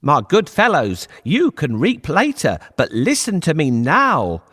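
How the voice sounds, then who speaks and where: A cunning male cat from a bedtime tale talks people round with flattery and clever persuasion, as a man voices him. His voice sits high and bounces with a lot of movement. It is a lively character turn read aloud for children. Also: unhurried, heavily acted. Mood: persuasive. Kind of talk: bedtime story reading.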